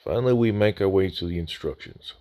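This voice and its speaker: A man with a low, dark voice narrates an unboxing voice-over for a scale model kit, moving briskly on a dry recording. His tone is casual and dryly humorous, and his voice is a little worn because he is recovering after nearly losing it.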